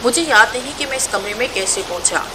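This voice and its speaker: A woman's voice: fairly high pitch, expressive, background noise, lightly acted. A woman reading the part of an injured, stubborn young man who speaks defiantly and questioningly in a storybook reading.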